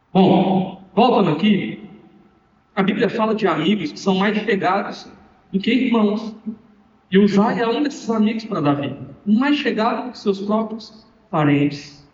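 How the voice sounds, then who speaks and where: High-voiced Brazilian pastor in an echoey hall. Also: male voice, darkish tone. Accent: Brazilian Portuguese. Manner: emphatic, with rhetorical questions. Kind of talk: sermon. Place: church hall. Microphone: distant. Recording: echoey hall, distant mic, dull sound.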